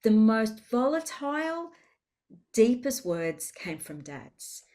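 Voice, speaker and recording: A woman, a parenting specialist speaking as a podcast guest, animated and emphatic as she tells stories from her work with parents. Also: fairly high pitch, takes it slowly. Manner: animated and emphatic, with vivid storytelling. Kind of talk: conversational interview.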